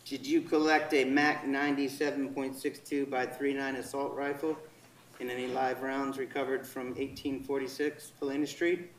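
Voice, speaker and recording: A man's voice: medium pitch, flat delivery, normal speed, a little hiss or hum. A man working as an attorney, putting methodical, formal questions to a witness in courtroom direct examination. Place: indoor courtroom. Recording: echoey courtroom, distant microphone.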